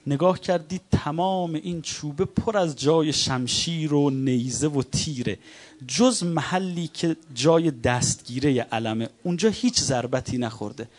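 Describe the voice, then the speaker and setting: Impassioned storytelling preacher, a man. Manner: chants quoted lines, then retells them plainly; voice swells louder and higher at dramatic peaks. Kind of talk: religious sermon storytelling.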